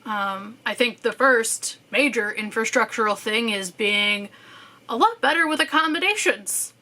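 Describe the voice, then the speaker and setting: Bright-voiced young woman, candid and sarcastic. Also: a little high, animated, a little slow. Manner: candid, sarcastic, with casual swearing; thoughtful, with frequent "uh" fillers. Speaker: student. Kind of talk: personal reflective monologue.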